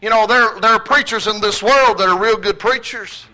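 A man's voice: sits high, normal speed, bright, forceful tone, rough recording. A man preaching an impassioned revival sermon in a folksy Southern US drawl, exhorting his listeners with repeated phrases.

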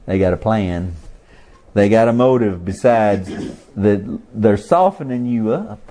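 A man's voice: fairly low pitch, animated, unhurried, mellow, a little hiss or hum. A man preaching a sermon in a folksy way, asking the congregation questions and chuckling.

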